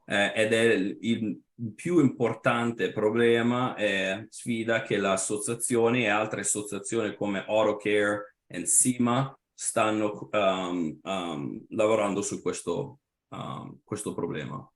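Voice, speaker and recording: Slow, hesitant man in an echoey room. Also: lowish voice. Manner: halting, many fillers and restarts, slips into English. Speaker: trade association representative. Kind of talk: webinar presentation. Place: online webinar.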